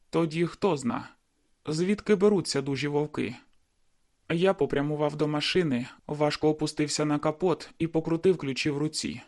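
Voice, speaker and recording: A man's voice: fairly high pitch, darkish tone. A man reading a first-person novel aloud in a brooding, inward manner. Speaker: audiobook narrator. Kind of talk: first-person audiobook narration.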